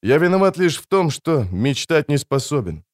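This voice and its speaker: A man's voice: fairly high pitch, very animated, moderate pace, no echo, studio quality. A man voicing a weary male monster hunter in an audiobook, speaking curtly and guardedly. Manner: curt, guarded, few words. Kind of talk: audiobook character reading.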